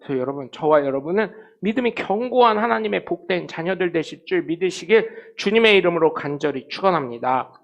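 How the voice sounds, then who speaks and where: Middle-aged pastor, high-pitched and gravelly, preaching in a church and acting out the voices of people in his stories. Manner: storytelling, acting out quoted people, swings from loud to very soft. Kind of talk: sermon. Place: church sanctuary.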